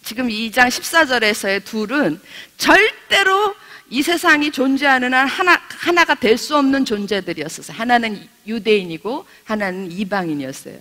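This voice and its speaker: A middle-aged woman leads a Bible study with a bright voice that swings up and down in pitch. She is chatty, asks her listeners questions and laughs through her stories. Her voice carries the long reverb of a church hall. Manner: laughs while telling stories. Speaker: pastor's wife teaching a Bible study.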